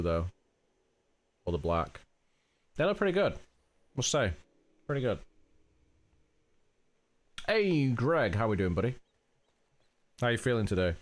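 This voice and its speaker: A man in his thirties streaming a game, his low, nasal voice rambling chattily to his viewers. Soft music plays faintly under his talk. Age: 30s. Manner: rambling, chatty, talks to chat as mate. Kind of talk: casual live-stream chat.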